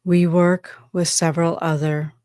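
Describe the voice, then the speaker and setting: A calm extraterrestrial envoy, as a woman channels it in a trance, speaks in a measured, solemn and formal way. The voice sits low for a woman. It is recorded dry and close, with no room sound. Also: dry recording, natural voice. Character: calm extraterrestrial spokesperson from Andromeda.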